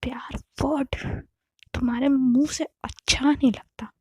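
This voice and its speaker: A young woman betrayed by her lover, put on by a female storyteller. She talks in a husky, slightly high half-whisper that keeps breaking off and starting again. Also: steady tone, a little slow, no echo. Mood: bitter.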